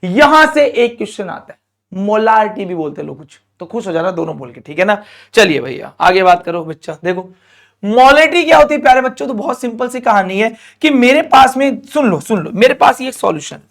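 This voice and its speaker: Male teacher, high voice, lively coaxing lecture, draws out key terms. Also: gravelly. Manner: lively, coaxing, often asks students questions; stretches out key terms slowly. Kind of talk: classroom lecture to students.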